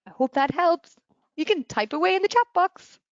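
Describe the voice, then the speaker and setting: A woman's voice: very high-pitched, expressive, normal speed, dry recording, muffled recording. A young woman from Ireland, presenting travel destinations in a bubbly, gushing way over a video call. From Northern Ireland. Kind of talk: online travel showcase presentation.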